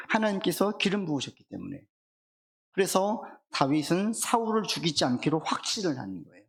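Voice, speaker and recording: A man preaching a Bible study sermon in church, reading scripture aloud and then explaining it in a conversational way. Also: fairly high pitch. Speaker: pastor. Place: church sanctuary.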